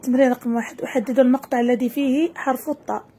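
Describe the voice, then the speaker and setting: A woman with a Moroccan accent teaching a first-grade lesson, drawing words out slowly for young children to repeat. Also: high voice, steady tone, dark tone, slightly rough. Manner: slow, drawn-out word modelling for children.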